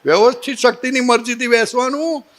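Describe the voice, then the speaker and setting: A man's voice: very high-pitched, a little fast. A man with a Gujarati accent giving a spiritual satsang talk, telling stories with humor and asking the audience questions. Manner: humorous, animated storytelling with rhetorical questions. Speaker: spiritual teacher.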